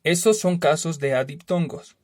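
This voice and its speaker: A male teacher works through a spelling lesson, explaining patiently and repeating key terms. His voice sits a little high, and he often adds a quick questioning tag to check understanding. The recording is dry and close. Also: no room sound. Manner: explains slowly and repeats himself.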